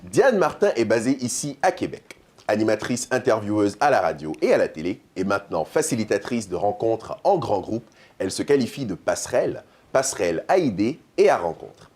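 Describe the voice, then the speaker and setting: A man with a deep voice, hosting an event and reciting a slam text in a measured, rhythmic way. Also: very animated, a little mellow. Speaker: host and slam artist.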